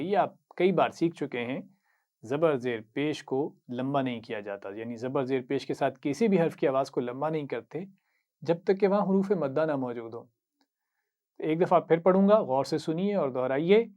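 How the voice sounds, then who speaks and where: A man with an Urdu accent teaching Quran reading, patiently explaining each word, reciting it slowly and praising the learner. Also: fairly high pitch, darkish tone, lo-fi sound. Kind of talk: slow instructional lesson.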